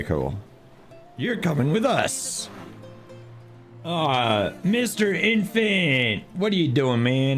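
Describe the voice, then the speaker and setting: A man streams a driving game while hoarse from losing his voice, which makes it unusually deep. He speaks quietly to spare it, giving casual livestream commentary, chatting with viewers and chuckling at himself.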